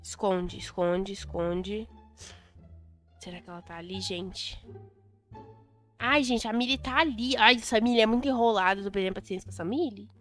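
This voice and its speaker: A young adult Brazilian woman commentating a Roblox game, chatty and excitable, repeating words in bursts. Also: mid-range voice, normal speed, pauses often. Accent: Brazilian Portuguese. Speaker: Roblox gameplay host. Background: faint music.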